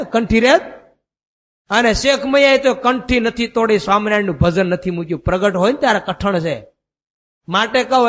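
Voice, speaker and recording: A man preaching a devotional sermon, chanting verses slowly and telling stories in a folksy way. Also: extremely high pitch, fairly bright tone. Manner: chants verses slowly, then explains in a folksy storytelling manner. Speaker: swami preacher. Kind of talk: Gujarati devotional sermon with storytelling. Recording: long hall reverb.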